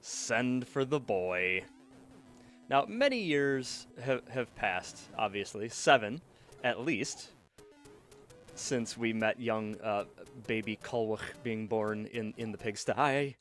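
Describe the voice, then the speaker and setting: A man's voice: lowish voice, expressive, slow pace, a bit bright, faint music behind. A man streaming a game while casually telling a folk tale, joking and often breaking off to react. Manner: joking, distracted, self-interrupting. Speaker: streamer and storyteller. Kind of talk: casual storytelling while gaming.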